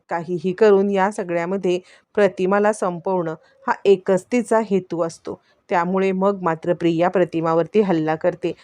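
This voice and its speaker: A woman's voice: a little mellow, no room sound. A woman retelling a television serial in a casual, repetitive storytelling way. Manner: acts out characters' lines with rising pitch. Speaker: serial recap narrator.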